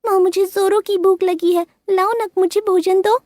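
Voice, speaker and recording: A woman's voice: very high-pitched, steady tone, moderate pace, darkish tone, dry recording, clean studio sound, pitched above the performer's own voice. A woman voicing a young daughter bird in a cartoon story, childlike and pleading.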